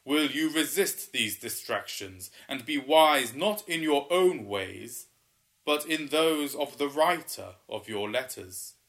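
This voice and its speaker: Storybook water spirit, old, male, booming and stately, put on by a male reader, slow delivery. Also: animated. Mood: solemn. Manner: loud, slow, stately pronouncements.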